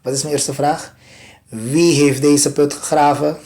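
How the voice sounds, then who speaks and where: A man voicing a stubborn drunk man sinking in a pit, speaking quietly and insistently in a parable. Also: fairly high pitch, fairly even intonation, a little slow.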